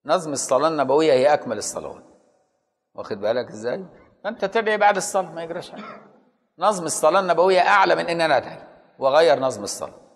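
A man's voice: on the high side, expressive, rapid-fire, in a large hall. A man with an Egyptian accent teaching Islamic jurisprudence in a conversational lecture, often stopping to ask the students if they follow. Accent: Egyptian Arabic.

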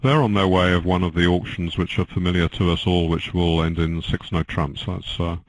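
An older man commentating on a bridge match, dry and joking, halting with many fillers. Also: low voice, steady tone, no echo, poor audio.

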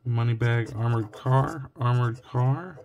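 A scratch-ticket channel host, young and from Oregon, scratches lottery tickets at home late at night, tiredly reading out each symbol as his voice cracks. He takes it slowly at a medium pitch with a darkish tone and an Oregon US accent; the sound is lo-fi with slight background noise. Coin scratching and clicks are heard through a phone or camera looking down at the table.

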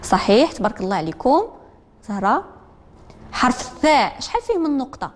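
Moroccan woman teacher, fast and brisk call-and-repeat delivery, echoey classroom. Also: on the high side, very animated. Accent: Moroccan Arabic. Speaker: literacy teacher. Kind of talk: classroom lesson. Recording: echoey classroom with long reverb.

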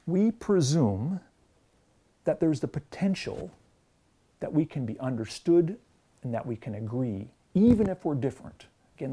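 Here a theology lecturer, Canadian and in his forties, explains ideas thoughtfully to camera, stumbling into fillers and restarts. He wears a lapel mic in a green-screen studio, and his mid-range voice is gravelly, husky and mellow.

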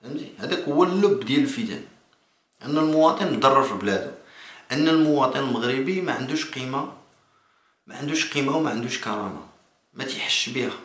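A man in his thirties with a Moroccan accent, giving spontaneous political commentary to camera in a halting way, repeating and restarting phrases. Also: mid-range voice, lively intonation, a bit bright. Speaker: political vlogger. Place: small indoor room. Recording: echoey room.

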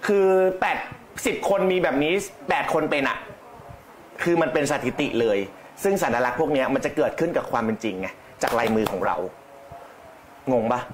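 A man's voice: expressive, normal speed. A man reading palms on a casual live stream, chatting and talking straight to the viewers. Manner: chatty, addresses viewers directly, jumps high in pitch when joking. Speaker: palm reader.

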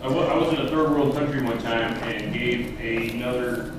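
A man's voice: medium pitch, moderate pace. A man telling a short anecdote in a matter-of-fact, dry way. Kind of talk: casual chat. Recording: echoey room with loud crowd noise.

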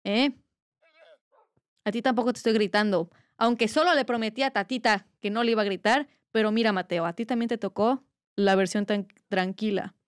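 A woman's voice: mid-range voice, steady tone, fairly quick, clear, resonant tone, dry recording, clean studio sound. A young woman, streaming a game and chatting casually, reading viewers' messages aloud in a playful, teasing way. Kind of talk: casual livestream chat while gaming.

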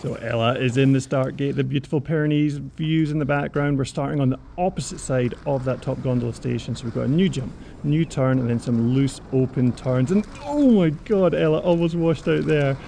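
A man's voice: mid-range voice, fairly quick, gravelly, few pauses, dark tone, slight background noise. A man presenting a bike race course, giving upbeat, chatty voice-over commentary and laughing between remarks.

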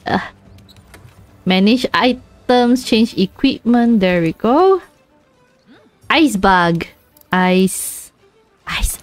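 A young woman streamer with a Chinese accent and a medium-pitched voice chats playfully while gaming, giggling and repeating words in bursts. There is no echo.

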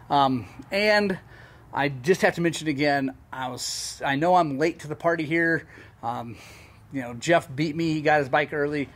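A man hosting his own channel, giving a casual, hesitant walkaround of a new dirt bike. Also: fairly high pitch. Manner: casual, hesitant, lots of fillers. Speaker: mechanic and channel host.

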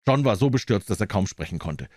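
A man reading a crime story aloud as an audiobook narrator, measured and expressive. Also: lowish voice, no room sound, clean studio sound.

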